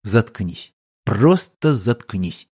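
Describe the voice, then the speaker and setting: A mustached army captain drawls his words and barks commands with slow weight, as a male reader puts him on. He sounds stern and in charge, a storybook soldier. The pitch sits mid-range. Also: dark tone, close to an everyday voice. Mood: stern, mocking. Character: mustached army captain, stern but amused, older man.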